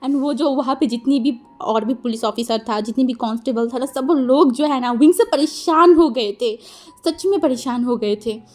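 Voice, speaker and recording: Woman, high voice, casual story retelling, chatty, giggly. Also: moderate pace, a little mellow. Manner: chatty, mixes English words, giggly. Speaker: fanfiction storyteller.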